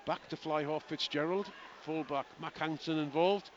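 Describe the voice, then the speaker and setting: Man calling rugby live over crowd noise. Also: on the high side. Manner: rapid running play-by-play with chatty asides. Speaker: play-by-play commentator. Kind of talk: live radio rugby commentary. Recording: lo-fi broadcast with outdoor crowd noise.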